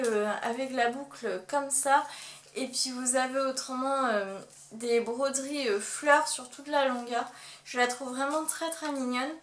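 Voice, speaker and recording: A young woman chatting casually in a beauty haul vlog, full of fillers and restarts. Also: high-pitched. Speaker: beauty vlogger. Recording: echoey room with faint noise.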